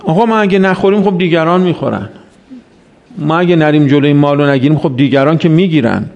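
A man's voice: on the high side, creaky, darkish tone. A man preaching a religious sermon, exhorting his listeners with rhetorical questions and reciting Arabic verses in a chanted tone.

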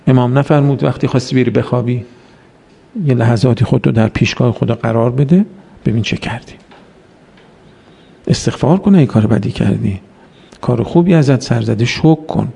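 Gravelly-voiced preacher giving a sermon. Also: male voice, mid-range voice, pauses often, dark tone. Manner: exhorting, rhetorical questions, quotes Arabic verses. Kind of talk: religious sermon.

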